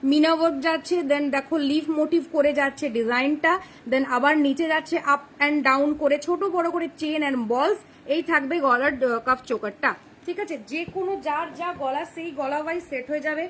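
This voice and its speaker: Speaking fast in a high, fairly bright voice, a young woman runs a chatty sales pitch over a live stream, filmed on a phone camera. She keeps checking "ঠিক আছে?", with slight background noise behind her.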